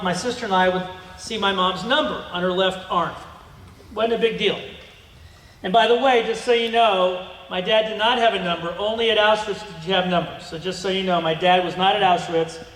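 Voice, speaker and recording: A middle-aged man from the United States, speaking as a museum guest, talks about his family over a set of slides in a rambling way, stumbling with ums and restarts. His high-pitched, fairly bright voice holds a steady tone at normal speed. The echoey hall gives a long reverb.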